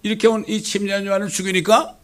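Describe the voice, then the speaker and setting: A middle-aged pastor preaches a sermon in a high-sitting, slightly bright voice, keeping a level tone at a quick pace. He poses rhetorical questions to the congregation and presses his points with emphasis.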